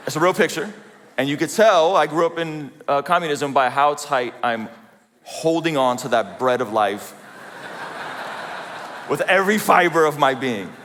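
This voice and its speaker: At a church event, a man in his forties from Azerbaijan tells a joking, self-deprecating personal testimony to a live audience, chatting conversationally and asking them questions. His middle-pitched voice is a bit bright and carries a long reverb from a large hall.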